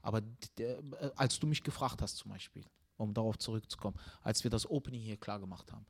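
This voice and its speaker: A young man, a comedian hosting the show, chatting casually and telling a story with animated energy, getting loud when riled. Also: fairly low pitch, fast, gravelly. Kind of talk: casual chat.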